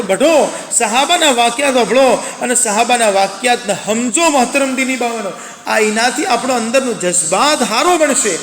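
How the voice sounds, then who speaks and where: A man's voice: very high voice, a bit bright, a little hiss or hum. A man preaching a sermon to women, earnest and exhorting, repeating phrases for emphasis. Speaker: religious preacher addressing women. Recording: echoey hall with long reverb.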